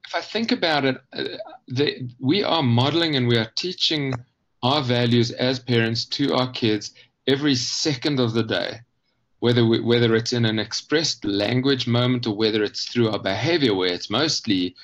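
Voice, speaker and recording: As an interview guest, a children's book author explains his ideas conversationally, thoughtful and halting, often stopping mid-phrase to rephrase. His voice is medium-pitched and a bit bright, and the audio is dull.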